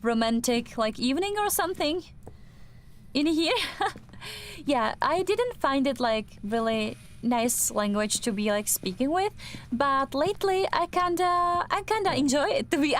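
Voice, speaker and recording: Slight background noise accompanies a high-voiced young woman who talks casually as she streams a game. Her Czech accent comes through, and her speech is hesitant, full of fillers and false starts.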